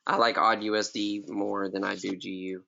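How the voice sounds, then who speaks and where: A man's voice: on the low side, little pitch movement, normal speed, vocal fry, pushed and bright, highs cut off. A man leading a casual live trading session for his members, laid-back and slangy, often repeating himself. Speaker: forex trading mentor.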